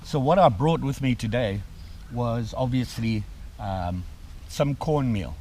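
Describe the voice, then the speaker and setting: A middle-aged man from Zimbabwe talks at an unhurried pace while cooking outdoors, relaxed and chatty with plenty of fillers. His voice is mellow and warm. A faint outdoor hum sits behind him. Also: mid-range voice. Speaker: outdoor vlogger. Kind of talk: casual outdoor cooking vlog. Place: outdoors in snowy woods.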